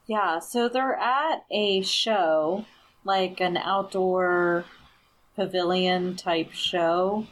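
A woman's voice: fairly low pitch, very slow, slight background noise. A woman in casual book-club chat, chatty and enthusiastic, saying "like" a lot. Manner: chatty, enthusiastic, says "like" often. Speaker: book club podcast co-host.

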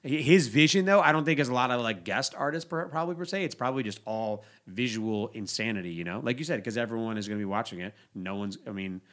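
Young guy hosting a podcast, super quick, bright punchy voice, casual chat. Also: mid-range voice, animated. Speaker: podcast host.

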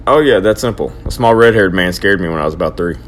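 A man's voice: sits low, fast, a little hiss or hum, natural voice. A man playing a dramatic ranting young man. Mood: goofy. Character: excitable young man with wild grudges. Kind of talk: hobby audio drama.

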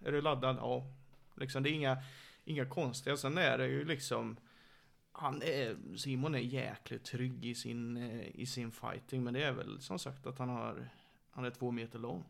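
A man's voice: mid-range voice, creaky. A man who coaches MMA fighters, chatting casually on a podcast and telling stories by acting out what others said. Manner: animated storyteller, quoting others.

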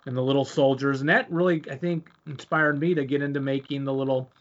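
A man's voice: medium pitch, fairly even intonation, fast. A man co-hosting a casual hobby conversation in a conversational, unscripted way. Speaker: podcast co-host. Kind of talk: casual chat. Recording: dull lo-fi audio.

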